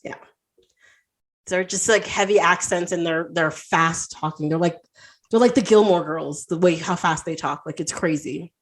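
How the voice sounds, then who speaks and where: A woman's voice: fairly low pitch, normal speed. A woman hosting a podcast in casual chat, giggly and chatty with lots of fillers. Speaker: podcast host.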